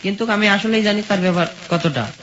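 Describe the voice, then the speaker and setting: A high-pitched young man from rural Bangladesh speaks at a quick pace, recounting his life story in an interview. He uses homespun colloquial speech, narrates in sequence, and voices the dialogue he remembers. The audio is dull, with steady sizzling throughout.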